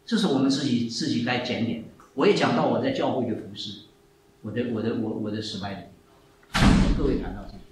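A man in his seventies preaching a sermon, telling stories with lively, repeated phrases. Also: medium pitch, quick pace, noisy background. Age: 70s. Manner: animated storytelling, repeats phrases. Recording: echoey hall, mic far off, faint ambience.

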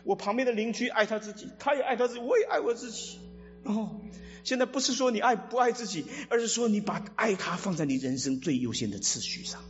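Animated high-pitched male pastor preaching. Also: fast talker. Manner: animated, rhetorical questions, acts out quoted voices. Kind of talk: sermon. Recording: reverberant hall, dull lo-fi sound, faint music.

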